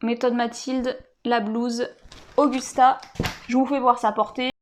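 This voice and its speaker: Chatty woman with a high voice. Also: level tone, a little slow, slight background noise. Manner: chatty, with lots of fillers and asides. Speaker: sewing vlogger. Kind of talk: casual chat.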